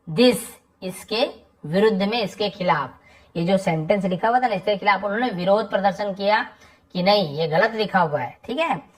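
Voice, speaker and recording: A woman's voice: mid-range voice, low-quality recording. Woman teacher explaining translation word by word. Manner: explains each word, then repeats and asks the class rhetorical questions; reads English phrases slowly and deliberately. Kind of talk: word-by-word English translation lesson.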